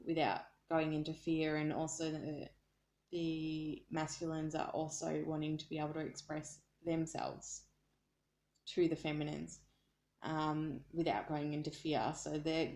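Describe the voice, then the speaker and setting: A woman with an Australian accent talks through a tarot reading in a low voice that stays flat and even. She sounds earnest and keeps searching for her words. The room around her is echoey. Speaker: tarot card reader. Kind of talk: casual spoken card reading.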